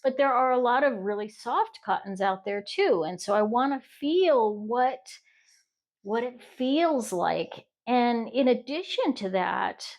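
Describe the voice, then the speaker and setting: A woman's voice: on the high side, animated, unhurried. A middle-aged woman from the United States chatting casually on her crochet vlog, rambling with restarts and fillers. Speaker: crochet vlogger. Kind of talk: casual chat.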